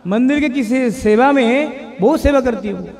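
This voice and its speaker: A man with a high voice gives a devotional sermon, telling a story in a conversational way. Between the spoken parts he chants verses slowly. The sound rings with the long reverb of a hall. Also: a little mellow. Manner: conversational, chanting Bengali verses in a slow melody between Hindi explanation. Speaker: kirtan and katha preacher.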